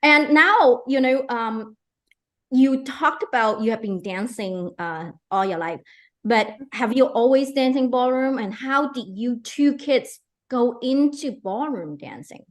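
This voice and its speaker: A middle-aged woman from Hong Kong hosts an online interview. Her voice sits a touch high, and she talks with eager enthusiasm, often checking in with her listeners. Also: expressive, unhurried. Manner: eager, enthusiastic, repeats filler checks like "right?" and "okay". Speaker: host.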